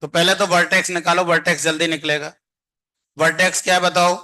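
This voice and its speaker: A man's voice: high-pitched, little pitch movement, brisk, pushed and bright. A man teaching a math class, constantly quizzing and coaxing his students to answer. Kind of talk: classroom lecture.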